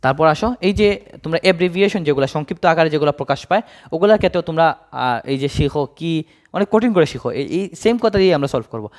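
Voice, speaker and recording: A male English grammar teacher from Bangladesh. He explains the lesson by asking questions and answering them himself, dropping low and soft on each answer. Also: expressive, fast.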